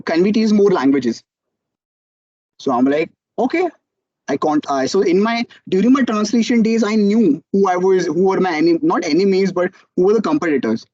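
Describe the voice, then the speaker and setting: A young man with an Indian English accent telling his startup story as a motivational talk, animated and acting out quotes. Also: high-pitched, no room sound, dull audio. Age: young adult. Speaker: student entrepreneur speaker.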